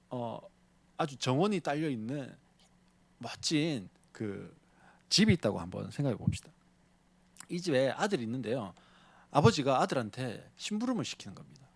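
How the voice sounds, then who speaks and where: Lively male pastor preaching. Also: medium pitch, breathy edge. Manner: lively preaching, often poses questions to the congregation; tells a story to illustrate his point. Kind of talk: sermon.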